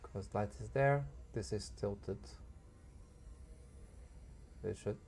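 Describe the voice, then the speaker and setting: Streamer type: sleepy man, gravelly tone, musing aloud, drowsy delivery. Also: fairly low pitch, takes it slowly, a little mellow. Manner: drowsy, thinking aloud, often yawning. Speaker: gaming streamer. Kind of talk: casual gameplay commentary.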